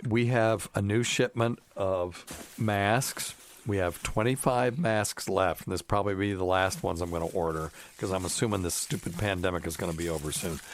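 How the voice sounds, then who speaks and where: A man's voice: fairly low pitch, a little hiss or hum. A middle-aged man hosting a medical call-in podcast, reading ads in a rambling, joking way full of fillers. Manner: rambling, jokey, many fillers. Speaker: podcast host, doctor. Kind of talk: casual chat and ad reads.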